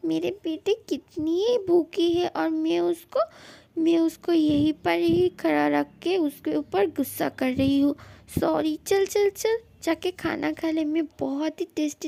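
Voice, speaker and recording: A woman voicing a scolding, soft-hearted mother. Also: very high-pitched, fairly even intonation, takes it slowly, gravelly, heavily acted. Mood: fussing. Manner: scolding, then fussing and bossy. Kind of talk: fan dub audio drama.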